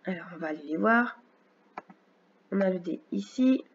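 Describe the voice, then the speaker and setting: A woman teacher walks a young child through a phonics lesson in a recorded video. She speaks slowly and clearly, patiently stretching out each sound. The recording is dull and a little lo-fi, like a home computer capture. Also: fairly low pitch, lively intonation, slight background noise. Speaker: first-grade teacher.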